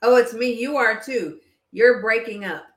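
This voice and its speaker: A woman's voice: a little high, a little slow. A woman co-hosting a casual sports debate, heard remotely over a bad connection that keeps breaking up. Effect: breaking up over a bad call connection. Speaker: sports talk co-host.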